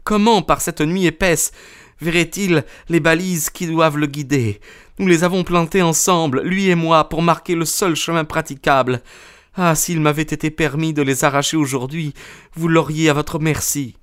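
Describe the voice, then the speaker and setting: A man reading aloud, voicing a distraught young woman in a high, pleading voice. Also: fairly even intonation, moderate pace, fairly bright tone, smooth, no echo, clean studio sound, close to an everyday voice. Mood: vengeful. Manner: breathless, high pleading delivery.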